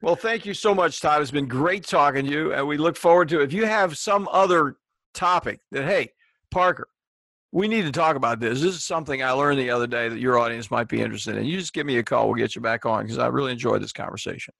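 This male podcast host talks fast in a gravelly, fairly bright voice of medium pitch, with no room sound behind him. His casual interview chat rambles, full of asides and repeated restarts, before he wraps up the episode with a scripted outro.

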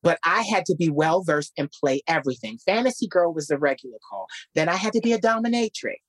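A guest musician tells stories in a casual interview, his voice hoarse, light and husky. He talks quickly and with animation, repeating phrases and leaping high in pitch for quoted voices. The recording has no room sound.

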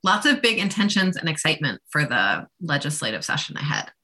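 A woman lawmaker from Vermont chats on a radio show, her voice low but bright and crisp. She talks earnestly, with plenty of "like" fillers. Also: very animated, fairly quick. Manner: earnest, chatty, many "like" fillers. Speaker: state representative. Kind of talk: casual radio conversation.

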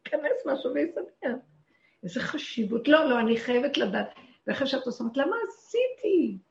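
A woman gives a passionate religious talk, her fairly high voice edged with gravelly fry. She presses her listeners with rhetorical questions and shouts out quoted lines. The recording is dull and lo-fi, in a roomy, echoing space. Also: lively intonation. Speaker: spiritual teacher. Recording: echoey lo-fi room recording.

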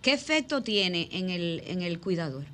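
A woman hosting a radio talk show, asking measured questions with thinking pauses. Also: lowish voice, sing-song, fairly bright tone, a little hiss or hum.

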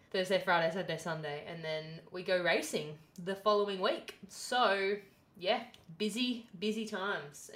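A woman's voice: lowish voice, fairly bright tone, echoey room. Chatty woman podcast host. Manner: chatty, upbeat, quick asides. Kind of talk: casual podcast chat.

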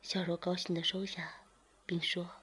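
A woman reading a first-person story in a hushed whisper, slow and airy. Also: lowish voice, level tone, breathy edge. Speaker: narrator.

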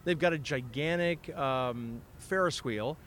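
A man's voice: on the high side, unhurried, a bit bright, slight background noise. A man podcast co-host chatting outdoors in a city park, joking and self-deprecating. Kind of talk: casual chat outdoors.

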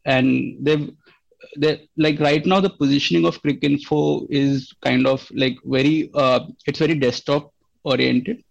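A man's voice: fairly high pitch, steady tone, unhurried, creaky. A man, a company founder in an interview, explaining earnestly and often restarting his sentences. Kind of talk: casual interview answers. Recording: slightly dull lo-fi sound.

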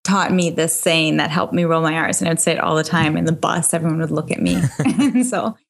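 A woman doctor with a somewhat low voice talks through her answers casually. She slows down to spell out phrases clearly and breaks into easy laughs now and then. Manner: teaching phrases slowly with frequent laughs. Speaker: physician guest.

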